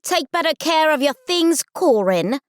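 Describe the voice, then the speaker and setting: A woman voicing a bossy tall teenage girl camp counselor with a British accent, speaking brisk and blunt. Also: sits high, very animated, dry recording, clean studio sound, voice pushed up. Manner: brisk, blunt, shouting through a megaphone.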